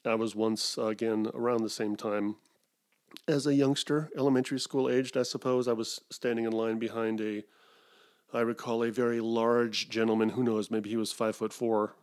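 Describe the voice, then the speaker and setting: A man's voice: mid-range voice, level tone, moderate pace, a little mellow. A middle-aged man from Wisconsin hosting a solo podcast, rambling through digressions with self-mocking asides. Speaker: podcast host.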